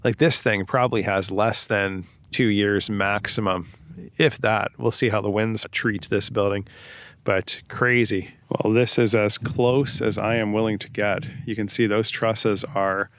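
A man's voice: fairly low pitch, steady tone, measured pace, a bit bright. A man giving casual, conversational walking commentary as a travel vlogger, outdoors among ruins. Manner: chatty and conversational, with filler like "you know" and "like".

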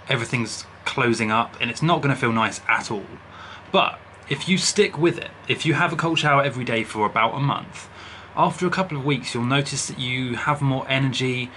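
A young man with a bright, forward voice at a middling pitch talks informally to camera. He explains things like a vlogger giving advice, often checking that the listener follows. It is recorded at arm's length in a bedroom, with some noise behind him. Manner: informal, explanatory, frequently checks in with "right?" and "okay?". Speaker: video host giving health advice. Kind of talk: casual direct-to-camera advice vlog. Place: small bedroom, indoors. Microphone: camera at arm's length on a desk.

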